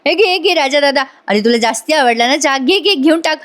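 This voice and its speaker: A man's voice: very high-pitched, lively intonation, fairly quick, a bit bright, voice pushed up. A woman voicing a cheeky young brother-in-law in a spoken serial retelling. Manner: eager, teasing.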